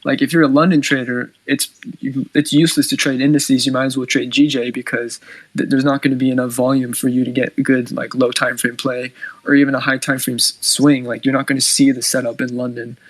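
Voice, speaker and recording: A man's voice: medium pitch, flat delivery, a little fast, dry recording, rough recording. Guy chatting trading tips on a stream, loose and chatty, dry close sound, mid voice. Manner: conversational, lots of "like" and "you know". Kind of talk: casual trading advice chat.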